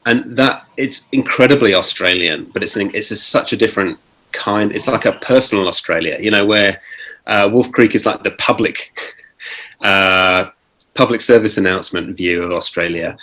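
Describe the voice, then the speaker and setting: A man speaking on an online panel over a video call, thoughtful and halting, with many pauses and restarts. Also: on the low side, sharp tone.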